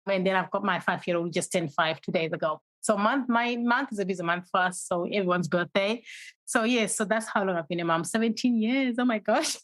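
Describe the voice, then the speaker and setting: A woman in her forties from Zimbabwe, a podcast guest telling stories in a chatty way, often laughing and animated. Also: mid-range voice, a little fast, dry recording, low-quality recording. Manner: laughing, storytelling, animated when quoting. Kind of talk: casual interview chat.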